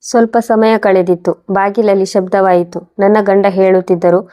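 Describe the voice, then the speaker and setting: A woman narrating a first-person moral story in a steady, even reading voice. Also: mid-range voice, moderate pace.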